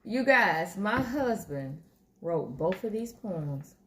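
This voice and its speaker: A woman's voice: medium pitch, big pitch swings, takes it slowly, fairly bright tone, a little hiss or hum. A woman chatting casually in an effusive, emphatic way. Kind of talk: casual, conversational interjections.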